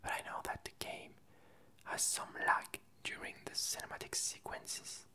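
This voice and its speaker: This ASMR chat comes in an unvoiced, breathy whisper that rambles, stops and starts, and keeps self-correcting. It sounds pushed and bright.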